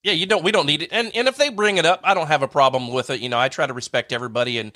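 Bright-voiced, agreeable male podcast host. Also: a little high. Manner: agreeable, quick short affirmations. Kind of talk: casual interview chat.

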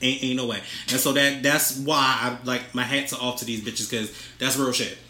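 A man's voice: medium pitch, steady tone, moderate pace, sharp tone, echoey room. A young man, co-hosting a casual, profane celebrity gossip chat and reading news items aloud with commentary. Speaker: podcast co-host.

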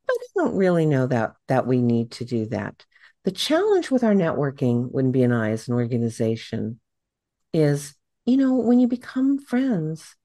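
Lively low-voiced woman podcast host. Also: dry recording, studio quality. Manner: animated, acts out quoted voices. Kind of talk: conversational podcast interview.

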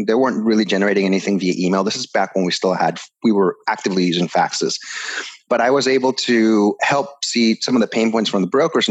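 Low-voiced man from Ecuador telling his story. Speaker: guest. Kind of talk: casual interview storytelling.

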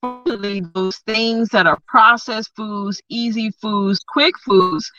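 A clinic guest speaking from inside a car over a video call that keeps freezing and breaking up, giving brief, halting replies. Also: medium pitch, fairly even intonation, over music. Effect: choppy video call audio that freezes and breaks up. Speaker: guest from a kidney care clinic. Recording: dull, lo-fi video call sound.

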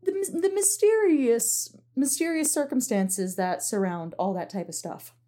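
A woman's voice: fairly high pitch, lively intonation, measured pace, warm tone. Chatty giggly podcast woman, voice bounces all over, says like a lot. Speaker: podcast co-host. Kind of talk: casual podcast chat.

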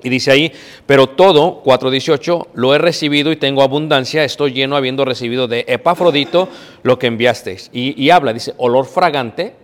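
A man's voice: mid-range voice, a little fast. A man preaching a teaching sermon, explaining step by step with frequent fillers. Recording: echoey hall with long reverb.

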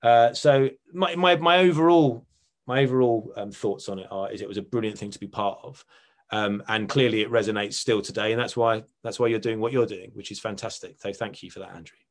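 A middle-aged Essex man, an actor and writer being interviewed, reminisces in a chatty, rambling way and keeps correcting himself. His voice sits on the low side, with fairly even intonation and a slightly quick pace.

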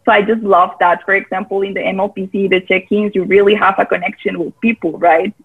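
A woman from Costa Rica, a part-time yoga teacher, is a guest in a casual interview over a video call, her voice thin and narrowed like a phone line. She speaks at a mid pitch, husky and brisk with a level tone. Chatty and rambling, she uses loose grammar and says "like" constantly.

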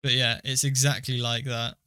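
A man's voice: medium pitch, level tone, normal speed, bright, forceful tone, clean tone. A man co-hosting a podcast in casual chat, joking around and laughing easily. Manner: chatty, laughs easily, riffs on jokes. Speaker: podcast co-host.

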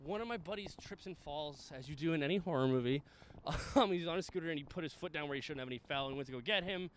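A man in his thirties with a high-pitched voice, walking outdoors and chatting. He tells stories loosely, swears freely and laughs often. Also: fast. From the Bronx, New York. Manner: profane storyteller, laughs often. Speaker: guest. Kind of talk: casual chat while walking. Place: outdoors in a cemetery.

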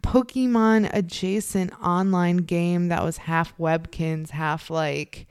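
Chatty American woman with vocal fry. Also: fairly low pitch, slow, dry recording, studio quality. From United States, Chicago area. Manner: chatty, animated, sweary. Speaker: podcast co-host. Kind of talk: casual, joking true-crime podcast chat.

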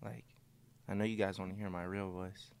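Young man with a low voice. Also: flat delivery, brisk, vocal fry, a little mellow, smooth. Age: young adult. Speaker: podcast co-host, stepson. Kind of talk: casual chat.

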